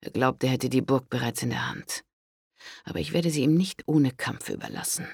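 A man voicing an angry, loyal castle steward who speaks forcefully and indignantly in an audiobook. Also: mid-range voice, moderate pace, creaky, breathy edge, no echo, clean studio sound. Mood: defiant.

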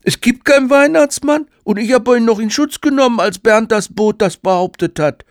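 A man's voice: very high-pitched, moderate pace, no echo, studio quality, voice pushed up. A man voicing a young boy who learns a hard truth. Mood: shocked. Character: young boy, excited and shocked.

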